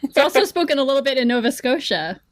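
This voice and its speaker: Woman interviewer, lightish high register, animated melody, informal chat. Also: fast.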